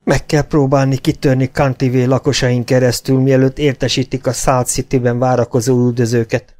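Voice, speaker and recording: A man reading the part of a calm, commanding male outlaw chief who speaks in quiet, measured tones with cold authority. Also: medium pitch, close to an everyday voice. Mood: calm, stern.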